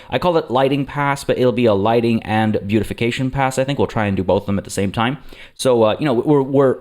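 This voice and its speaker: A man with a fairly low, a little mellow voice hosts a let's play on his gaming channel. He's slightly unwell and chats in a rambling manner, with many fillers and false starts.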